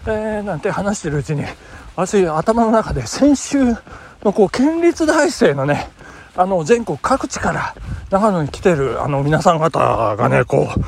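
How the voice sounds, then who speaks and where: A man's voice: a little high, very animated, measured pace, creaky, husky. A man hosting a casual solo podcast, telling a story in a polite, chatty way with many fillers. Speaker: podcast host and amateur rakugo performer. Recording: noisy background.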